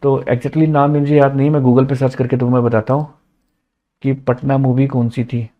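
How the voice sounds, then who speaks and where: A man's voice: mid-range voice, flat delivery, moderate pace. A man teaching a casual exam revision lesson, chatty, asking questions and answering them himself. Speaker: commerce teacher. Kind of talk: casual Hindi-English exam revision lecture. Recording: slightly dull lo-fi sound.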